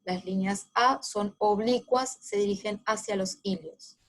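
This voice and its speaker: Woman, medical lecturer, clear explanatory delivery that speaks straight to the students. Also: medium pitch, measured pace. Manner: explanatory, addresses students directly with reminders. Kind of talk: clinical case lecture.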